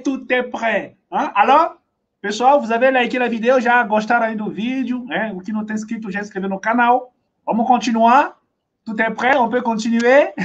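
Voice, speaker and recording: A man with a high voice leads a live online language lesson, drawing each word out slowly and repeating it again and again. He is playful and chuckles often, and he moves between two languages. The audio is dull and lo-fi, like a livestream. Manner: drills words by slow repetition, playful, chuckles often; switches between French and Portuguese. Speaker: French teacher.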